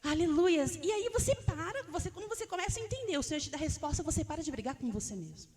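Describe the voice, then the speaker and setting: A woman pastor preaching a sermon, animated, often calling out hallelujah and acting out pleading prayers. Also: very high voice, quick pace. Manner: acts out prayers in a raised pleading voice.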